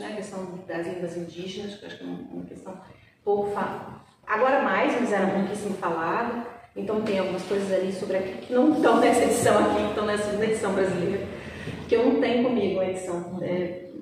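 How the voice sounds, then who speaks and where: In a library event room, a Brazilian poet with a slightly mixed Portuguese accent and a bit of Minas Gerais gives a reflective interview, pausing and restarting often. Her mid-range voice is a little mellow. The echoey hall and distant mic add a little hiss or hum.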